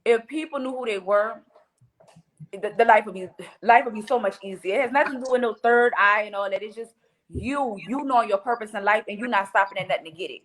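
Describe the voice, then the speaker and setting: A woman's voice: medium pitch, fairly quick. A woman from New Orleans with a New Orleans accent, a podcast guest talking bluntly and profanely in casual chat, acting out quotes as she goes. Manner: blunt, profane, animated storytelling with voiced quotes.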